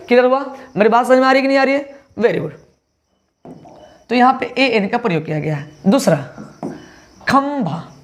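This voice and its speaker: A male teacher giving an online exam-prep lesson, spelling words letter by letter and answering his own questions. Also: very high-pitched. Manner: asks questions then answers them himself.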